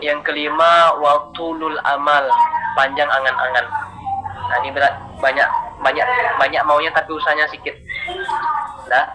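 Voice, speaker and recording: A man preaching a casual sermon, earnest and colloquial, dropping in Arabic terms as he talks. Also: on the high side. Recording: noisy recording.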